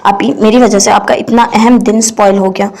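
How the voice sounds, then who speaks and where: Woman doing soft sad little sister in a hospital bed, flat tone. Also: mid-range voice, vocal fry. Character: sick young woman, remorseful younger sister.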